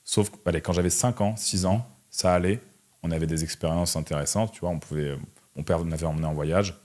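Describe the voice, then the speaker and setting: A Russian man in his twenties, interviewed as an entrepreneur and online content creator, has a low-pitched, darkish voice and a brisk pace. His answers are casual and slangy, with "tu vois" tags coming up often.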